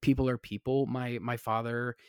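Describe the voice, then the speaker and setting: A man's voice: mid-range voice, little pitch movement, normal speed, a little mellow, clean tone, dry recording, clean studio sound. A man raised in the American South, telling stories in a casual chat, full of fillers and restarts. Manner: rambling with many fillers and restarts.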